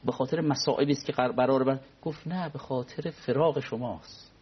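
A man speaking as a cleric guest on a religious talk program, explaining in a measured way and quoting Arabic prayers. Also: mid-range voice, steady tone, husky, lo-fi sound. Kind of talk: religious discussion.

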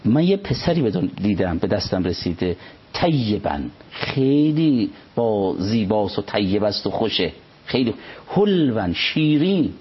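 A man, a religious scholar, reciting Arabic passages and explaining them in an unhurried conversational commentary. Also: lowish voice, sing-song, husky. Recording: dull lo-fi recording.

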